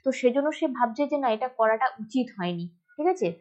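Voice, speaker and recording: A woman's voice: a little high, lively intonation, quick pace, darkish tone. A woman teacher with a Bengali accent, walking through exam answers step by step and often asking students whether they have understood. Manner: explains step by step, often checking with "ঠিক আছে?" and "বোঝা গেল?". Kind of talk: exam answer walkthrough lesson. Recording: dull lo-fi recording.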